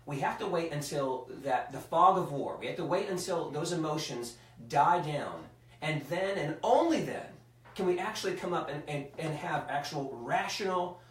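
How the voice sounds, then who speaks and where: Male podcast host, fairly high voice, emphatic and argumentative, heard off-mic in a roomy space. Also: animated, moderate pace, distant mic. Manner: argumentative, emphatic, with frequent restarts. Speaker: show host. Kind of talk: casual live podcast chat.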